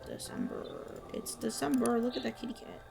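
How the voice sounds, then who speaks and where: A young woman streaming a game from home, chatting casually, muttering and reading on-screen text aloud with quick reactions. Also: on the high side, wildly swooping pitch, gravelly. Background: background music and keyboard typing.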